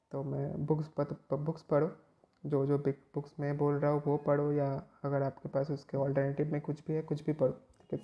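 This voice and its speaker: Male tutor from West Bengal talking students through prep; loose, halting delivery, warm low timbre, muffled home recording. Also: gravelly. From West Bengal, India. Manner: rambling, restarts and fillers. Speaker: chemistry exam tutor. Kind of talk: informal study advice to students.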